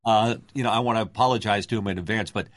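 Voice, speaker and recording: Middle-aged male radio announcer, low projected voice, casual storyteller. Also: steady tone, fast talker, no room sound, studio quality.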